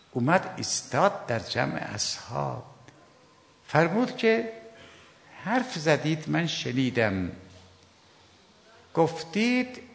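A man preaching a sermon, addressing his listeners directly, reciting Arabic phrases slowly and then translating them. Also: medium pitch, vocal fry, fairly bright tone, big-room sound. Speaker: Shia preacher.

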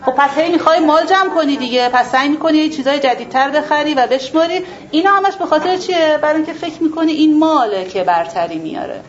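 A woman's voice: high-pitched, expressive, hardly any pauses. A woman teaching a Quran class to students, asking herself rhetorical questions and repeating words for emphasis. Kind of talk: explanatory religious lesson to a class. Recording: dull lo-fi recording with faint background noise.

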